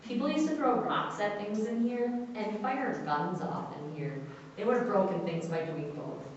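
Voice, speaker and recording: A woman's voice: mid-range voice, normal speed, slight background noise. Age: adult. Sex: woman. Role: cave tour guide. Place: underground cave. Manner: directs the group and points things out with a laser. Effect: cave echo. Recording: echoey cave, far from the mic, dull lo-fi.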